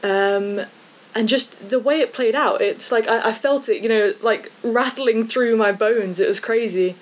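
A woman from the English Midlands with an English accent, a guest chatting casually on a podcast and pausing often with fillers. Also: on the high side. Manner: hesitant, many fillers. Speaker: podcast guest, film journalist. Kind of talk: casual chat.

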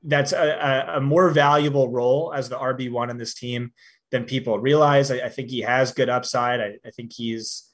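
A man's voice: mid-range voice, fairly even intonation, moderate pace, faint music behind. A man giving fantasy football analysis in a casual podcast chat, with many fillers and restarts but firm opinions. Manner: frequent fillers and repeated starts, confident opinions.

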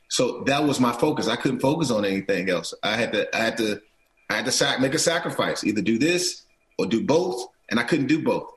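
A middle-aged man who works as an actor and producer speaks earnestly as an interview guest in casual conversation. His voice is fairly low and fairly bright, and the room is echoey. He restarts phrases and often checks in with "right?".

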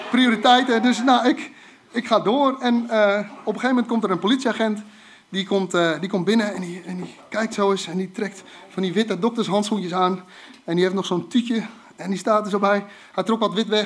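A man telling a personal story in a casual, animated way, with lots of fillers and restarts. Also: sits high. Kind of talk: casual spoken anecdote.

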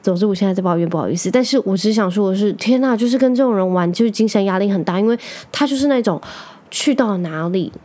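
A woman hosting a podcast alone, chatting casually and telling stories with lively quoted outbursts. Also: mid-range voice, fast. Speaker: podcast host. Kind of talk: casual solo chat.

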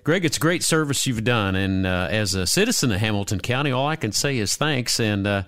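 A man's voice: on the low side, animated, brisk, a bit bright, no echo. A man co-hosting a radio show, interviewing and chatting informally in an earnest, folksy, emphatic way.

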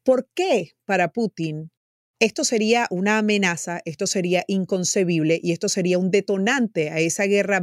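A woman hosting an interview podcast, asking measured questions. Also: mid-range voice, no echo, studio quality. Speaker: host.

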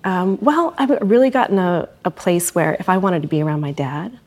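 A middle-aged woman from Maine speaks in a soft, slightly low voice. She is effusive and a little emotional, sharing memories as a guest. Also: fairly quick. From Maine, United States. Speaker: chef, guest. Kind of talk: casual chat interview.

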